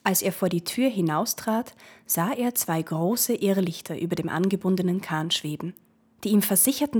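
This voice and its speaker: Breathy woman reading a fairy tale. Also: mid-range voice, darkish tone. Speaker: narrator.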